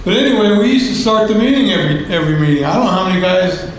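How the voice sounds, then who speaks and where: Speaking very fast in a high-pitched voice, an older man rambles through a personal share at a support group, folksy and full of fillers. He uses a handheld mic in a meeting room, and the poor audio has slight background noise.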